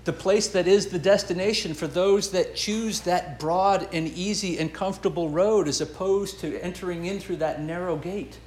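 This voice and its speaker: A man's voice: high voice, fairly even intonation, moderate pace, few pauses, a little mellow, echoey room, a little hiss or hum. A man preaching a sermon as pastor, earnest and emphatic, building and dropping his intensity.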